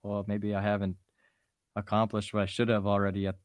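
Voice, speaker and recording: A young man in his twenties hosts a podcast and speaks softly and thoughtfully. His voice is fairly low. The recording is dry, with little room sound. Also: monotone, a little fast, no echo, highs cut off. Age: 20s. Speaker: podcast host. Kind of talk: casual conversation.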